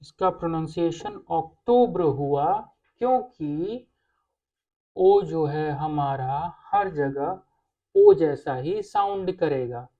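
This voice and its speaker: A woman teaching a language lesson, explaining patiently and pausing on "okay" between points. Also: low-pitched, lively intonation, narrow, tinny audio. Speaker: French teacher.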